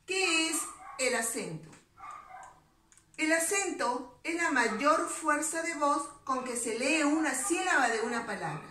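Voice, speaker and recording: A woman's voice: high voice, a little slow. A woman teaching a virtual class to children, patiently drawing out the stressed syllables of words. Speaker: primary school teacher. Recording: roomy distant recording with steady background noise.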